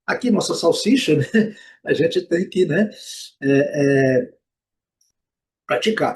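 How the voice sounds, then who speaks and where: A man with a Brazilian Portuguese accent teaching English pronunciation, modeling each word slowly several times and checking in with frequent "né?" and "ok?". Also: on the high side, husky. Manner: repeats words slowly, frequent "né?" and "ok?". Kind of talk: explaining pronunciation, slow modeled repetitions.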